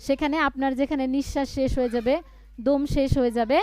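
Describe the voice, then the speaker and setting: A woman teaching Quran reading in a live online class. She chants verses slowly and then explains quickly how to pause. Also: high-pitched, steady tone, mellow. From Bangladesh.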